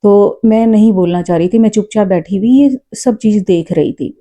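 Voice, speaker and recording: A woman, a mother, earnestly recounting something she witnessed in a casual, reflective way, pausing often with fillers. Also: mid-range voice. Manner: says she talks loud and forcefully. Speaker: storyteller vlogger. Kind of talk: casual spoken storytelling.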